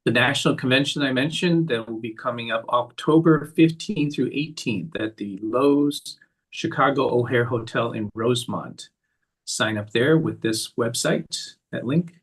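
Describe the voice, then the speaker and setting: Husky man giving brisk closing remarks. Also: medium pitch, a bit bright, rough recording. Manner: brisk, listing resources, announcer-like. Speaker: summit organizer closing the session. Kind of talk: closing remarks over video call. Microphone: video call.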